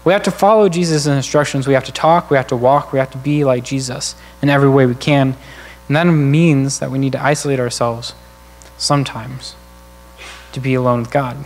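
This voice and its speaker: A man's voice: medium pitch, fairly even intonation, fairly quick. A man preaching a sermon in a church, speaking earnestly and conversationally while working through numbered points. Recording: long church hall reverb.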